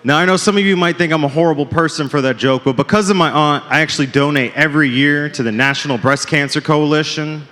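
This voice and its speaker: A man's voice: fairly high pitch, fast, hardly any pauses, pushed and bright. A man doing a stand-up set on a comedy club stage, with self-deprecating, punchline-driven jokes, often calling the crowd folks. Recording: live club with long reverb.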